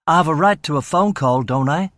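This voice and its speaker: A man's voice: a little high, a little fast, a bit bright, no echo, clean studio sound, voice pushed up, close to an everyday voice. A man voicing a brash American man who is being questioned by police and talks cocky and indignant.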